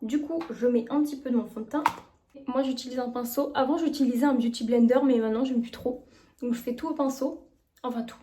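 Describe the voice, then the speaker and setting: A woman's voice: a little high, brisk, dark tone, slight background noise. A young woman chatting casually in a makeup tutorial vlog, gushing about the products she uses. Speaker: beauty vlogger.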